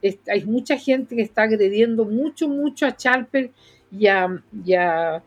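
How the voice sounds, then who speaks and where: An older Chilean woman with a fairly high voice gives earnest commentary in a conversational way. She addresses her listeners directly and opinionatedly, often halting to repeat a word. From southern Chile. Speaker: doctor and radio commentator.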